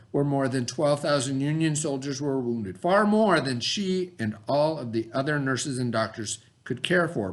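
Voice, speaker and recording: A man reads aloud in the role of a teacher, expressive and instructive, putting questions to pupils and offering simple explanations. His voice sits a little high.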